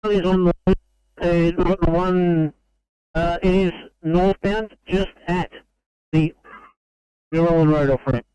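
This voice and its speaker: An Australian man working as a traffic control operator, calmly dispatching a crew over a two-way radio, halting now and then with fillers. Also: sits high, clean tone, no echo. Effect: two-way radio transmission. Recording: dull narrow radio channel.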